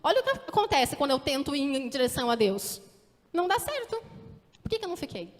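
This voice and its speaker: A woman's voice: high voice, big pitch swings, fast, faint music behind. A Brazilian woman in her thirties, a teacher, giving an earnest sermon testimony and asking the congregation direct questions. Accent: Brazilian Portuguese. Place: church hall. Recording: echoey hall with long reverb.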